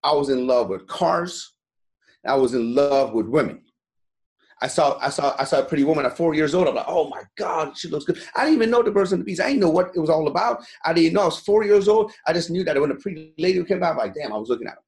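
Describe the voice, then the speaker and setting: Fast and fairly high-pitched, with lively intonation and a darkish tone, a forties-aged gym owner from Iran talks as a motivational interview guest. His delivery is blunt, fired up and full of profanity, and "you know" keeps recurring.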